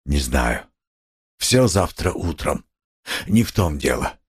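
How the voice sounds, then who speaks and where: A man's voice: rumbling low, very animated, slow, slightly rough, full character voice. A man playing a brooding, gloomy young man who speaks curtly. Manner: curt, gloomy, softening at times.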